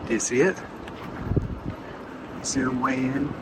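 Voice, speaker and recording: A man's voice: mid-range voice, slow pace. Man giving casual walking tour, noisy outdoors. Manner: enthusiastic, offhand, unsure of details. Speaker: visitor filming a walking campus tour. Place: outdoors walking, some indoor stretches. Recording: outdoor urban noise, traffic ambience.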